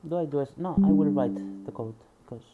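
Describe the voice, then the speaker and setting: Loud music plays behind a man from Spain as he reads a programming book aloud at a quick pace, his voice on the high side and his accent Spanish. He mutters to himself while trying things out, and the casual screen recording sounds narrow and tinny.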